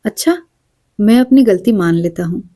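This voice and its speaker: A woman voicing a calm, amused man on a train in a storybook reading, easygoing and lightly teasing. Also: mid-range voice, moderate pace, natural voice. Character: amused calm male traveler.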